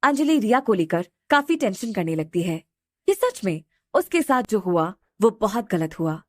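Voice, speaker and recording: Lively woman narrating an audio drama. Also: medium pitch, normal speed, dry recording, studio quality. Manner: expressive storytelling.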